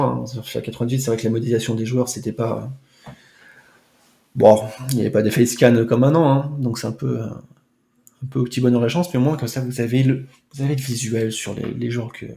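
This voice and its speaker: Streaming a retro football game, a man keeps up relaxed let's-play chatter full of playful, mock-dramatic asides. His mid-range voice sounds mellow, soft-edged and creaky, and the room he's in echoes noticeably.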